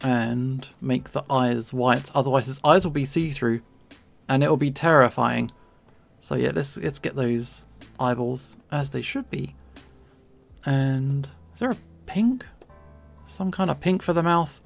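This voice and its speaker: A southeast English streamer from southern England chats in an unhurried, mid-range voice while she draws, with faint music behind her. She speaks clearly and carefully, sounds her T's, and stays playful and casual, chuckling often.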